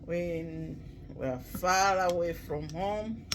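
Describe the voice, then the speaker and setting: A man from Malawi, talking slowly and reflectively in a casual vlog, with many pauses and fillers. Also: fairly high pitch, a little hiss or hum, rough recording. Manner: halting, many pauses and "you know" fillers, clears throat often. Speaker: vlogger.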